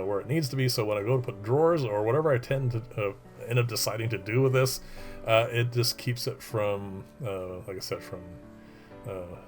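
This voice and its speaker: A middle-aged man talks in a fairly low voice over guitar music. He drones on in a monotone, casual workshop style, rambling and hesitating as he explains. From Canada. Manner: monotone, droning. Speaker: woodworking video presenter.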